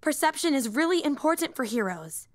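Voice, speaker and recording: Here a woman brings a nerdy young superhero to life for an anime-style audio drama, her voice high-pitched, excitable, and brisk. Earnest and enthusiastic, the character rambles, gets flustered, apologizes, and stops herself short. It's recorded dry and up close, with no echo or room sound.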